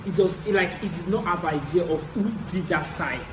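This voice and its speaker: Her voice is lowish and brisk: a young woman vlogger with a Nigerian accent, chatting through personal, confessional stories and leaning on repeated phrases for emphasis. The recording has a clear room echo and obvious background noise.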